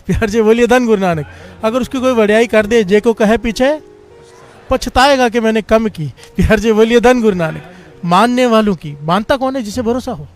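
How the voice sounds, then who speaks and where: A man's voice: high voice, soft background music. A man preaching a devotional Sikh sermon, telling a story in an earnest way and often calling on the congregation to respond with praise. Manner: keeps urging the congregation to call out praise; earnest storytelling, quotes scripture in a slow chant. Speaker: Sikh preacher giving katha.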